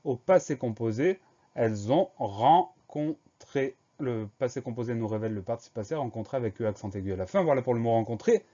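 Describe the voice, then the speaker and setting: A man leads a dictation lesson for students and spells each word out slowly and deliberately. His voice is dark and mellow. The recording sounds somewhat dull and lo-fi. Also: medium pitch, animated. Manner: slow, careful letter-by-letter spelling. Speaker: teacher.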